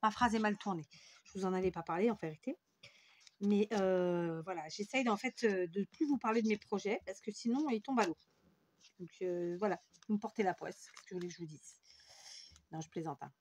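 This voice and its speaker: A woman's voice: mid-range voice, brisk, a little mellow. A woman from France hosting a scrapbooking tutorial, rambling and self-mocking as she works at her craft table. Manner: rambling and self-mocking, talks while working. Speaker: scrapbooking video host.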